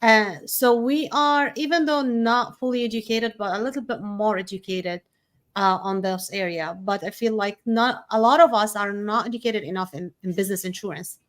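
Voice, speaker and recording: A woman's voice: mid-range voice, normal speed. A woman hosting a podcast, upbeat and chatty, laughing easily with her guest. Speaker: podcast host. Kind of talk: casual interview conversation.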